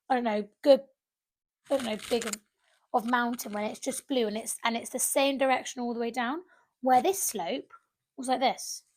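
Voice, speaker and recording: A young woman, co-hosting a podcast and telling a story with lots of acted-out quotes. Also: high-pitched. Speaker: podcast co-host. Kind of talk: casual chat.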